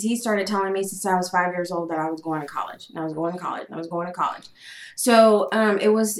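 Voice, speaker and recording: A young American woman, eight months pregnant and slightly out of breath, speaks humbly as a guest on a casual podcast interview, with many fillers and restarts. Her medium-pitched voice comes through a laptop on a remote call in an echoey room.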